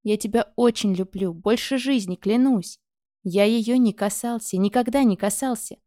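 A woman voicing a gentle, coaxing adult male dragon husband who speaks softly and tenderly, in a storybook reading. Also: on the high side, normal speed, no room sound, studio quality, natural voice. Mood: pleading. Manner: soft, pleading, tender.

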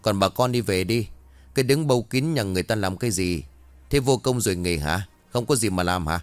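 A man voicing a gruff, bossy old male village exorcist in a spoken ghost story, barking and scolding. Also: on the low side, animated, a little fast, no room sound, natural voice.

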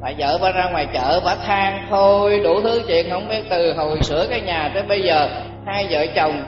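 A man's voice: high voice, normal speed. A man giving a dharma talk, telling folksy village stories and acting out the people in them. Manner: folksy, acts out village characters in quotes. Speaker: monk teaching. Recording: echoey distant recording, dull sound, faint music.

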